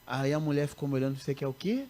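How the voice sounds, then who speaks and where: A man in his thirties from Rio de Janeiro with a Carioca Brazilian accent, a missionary teacher telling stories in a casual interview, animated and often breaking off mid-sentence. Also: mid-range voice, racing, soft background music. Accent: Carioca Brazilian Portuguese. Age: 30s. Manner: animated, self-interrupting, laughs at own stories.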